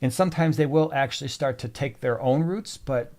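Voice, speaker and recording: A man's voice: mid-range voice, brisk, darkish tone. A man co-hosting a casual live stream, chatty and joking while he answers viewer questions.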